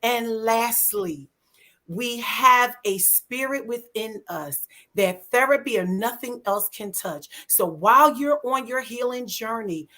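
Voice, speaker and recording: A woman's voice: on the high side, takes it slowly, sharp tone. A woman therapist giving encouraging, spiritually minded closing advice to an audience. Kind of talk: closing remarks to an online audience.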